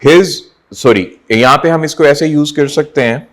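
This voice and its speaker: A male teacher lecturing on English vocabulary, explaining in Hindi and reading English examples slowly and deliberately. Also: fairly high pitch. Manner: explains in Urdu-Hindi mixed with slow, drawn-out English examples. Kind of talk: recorded classroom lecture.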